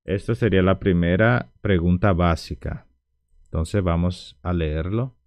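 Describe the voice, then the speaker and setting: A man's voice: low-pitched, measured pace, darkish tone, dry recording, clean studio sound. A man teaching a language lesson at a whiteboard, speaking patiently and repeating words for practice.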